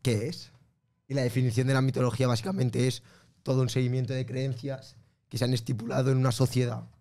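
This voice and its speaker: A young man with a hoarse, worn-down voice, talking on a casual podcast. He explains things at length, pausing and restarting as he goes. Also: medium pitch, flat delivery, dark tone. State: hoarse, losing his voice. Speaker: podcast co-host.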